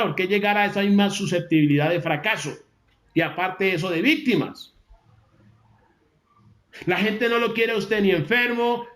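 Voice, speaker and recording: A man delivering a motivational talk in a high, emphatic voice. He hammers on key phrases, repeating them and slowing down to let them land. The sound carries a noticeable room echo. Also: a bit bright. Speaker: motivational speaker.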